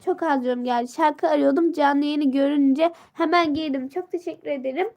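A woman's voice: high-pitched, brisk, a little mellow. A teenage girl chatting on a casual live stream, greeting viewers and reading out comments, her voice worn from a sore throat and a stuffy nose.

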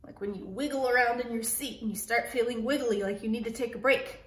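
A woman teaching young children an early reading lesson, sounding out words slowly and clearly in an encouraging way. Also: on the high side, reverberant.

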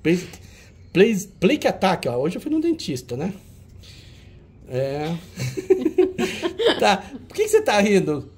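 Chatty man, lively swooping voice. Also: sits high, moderate pace, pauses often. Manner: chatty, teasing, jokey banter with a helper. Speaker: seller hosting a retro game auction. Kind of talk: casual show-and-tell of old game cartridges.

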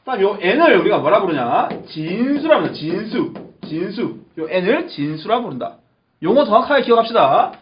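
A man's voice: high voice, big pitch swings, normal speed. A man teaching a math lesson, repeating key terms emphatically and checking that the class understands. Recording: echoey lo-fi classroom recording with faint hiss.

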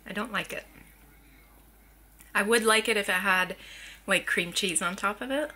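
A woman's voice: mid-range voice, normal speed. Chatty woman vlogging at home. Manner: chatty, thinking out loud. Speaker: family vlogger. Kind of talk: casual vlog chat. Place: home kitchen. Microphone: handheld camera at arm's length.

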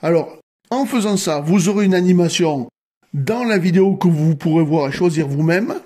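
A man's voice: high voice, moderate pace, mellow, husky. A man hosting his own coin collecting channel, friendly and instructive, explaining things to viewers step by step.

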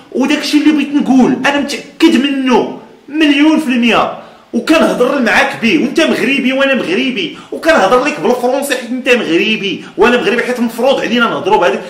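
Moroccan Amazigh-accented male speaker, lively emphatic motivational talk, blunt with frequent laughs. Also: very high-pitched, roomy sound.

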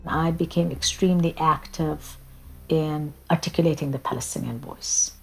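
A woman's voice: low-pitched, fairly even intonation, normal speed, slightly rough, soft background music, low-quality recording. A woman giving a personal recollection in a documentary interview.

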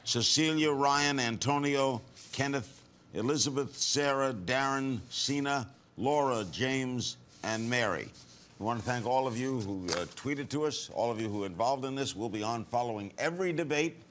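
A man hosting a political panel show, moderating the talk briskly. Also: mid-range voice, a bit bright, a little hiss or hum. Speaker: host.

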